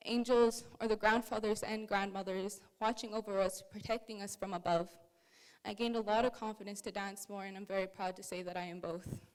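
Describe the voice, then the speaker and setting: A young woman from Canada speaks in a smooth, clear voice of middle pitch. She reads her prepared story in an earnest, measured and heartfelt way, as a speaker at a museum talk. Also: fairly even intonation, rough recording. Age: young adult. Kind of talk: reading a prepared personal story.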